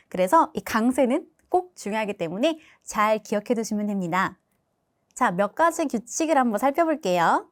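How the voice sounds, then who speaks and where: A woman with a fairly high, very animated voice gives a language lesson. She explains each rule patiently and says every example word twice, slowly and clearly, so listeners can copy it. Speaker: Russian language teacher.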